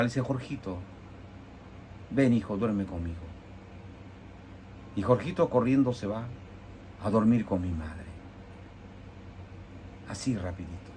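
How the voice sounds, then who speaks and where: A man giving an emotional personal testimony as an evangelical preacher, swinging between hushed tones and emphatic bursts. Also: fairly low pitch, slight background noise.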